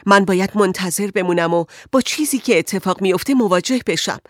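A woman's voice: mid-range voice, no echo, clean studio sound, close to an everyday voice. A woman voicing an anxious married woman who pleads and frets about her husband in an audiobook. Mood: distressed. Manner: agitated, pleading.

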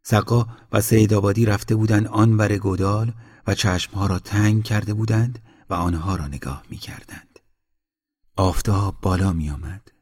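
Husky low-voiced male storyteller. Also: darkish tone. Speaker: narrator. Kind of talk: scripted story narration.

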